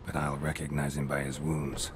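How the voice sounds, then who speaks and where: A man's voice: monotone, noisy background. An actor playing a stoic, middle-aged male monster hunter in a video game, speaking tersely and dryly. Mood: focused. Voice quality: deep gravelly. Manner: terse, dry, unhurried. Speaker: witcher protagonist.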